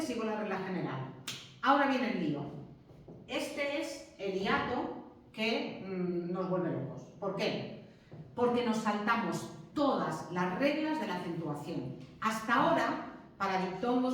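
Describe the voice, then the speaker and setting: A woman's voice: fairly high pitch, a little hiss or hum. Echoey far-off teacher, a woman. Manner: explanatory, checks in with "¿sí?" and "¿m?". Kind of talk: spelling lesson to students.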